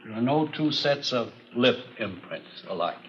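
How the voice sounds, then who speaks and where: A male actor voices a matter-of-fact forensic chemist giving testimony in a 1950s radio drama, keeping his account measured and factual. His mid-range voice is a bit bright and animated. The old radio recording is muffled and noisy.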